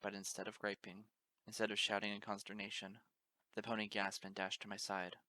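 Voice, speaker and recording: A man narrating a fan-fiction audiobook in the first person, reading in a steady, dramatic way. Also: on the low side, brisk. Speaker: audiobook reader.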